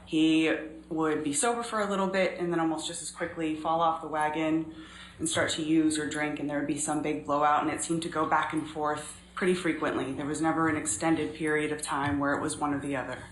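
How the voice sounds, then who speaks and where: Low-voiced woman in an echoey courtroom recording. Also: fairly even intonation, slight background noise. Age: 30s. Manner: measured, earnest, pausing often. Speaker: trial witness. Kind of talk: courtroom testimony.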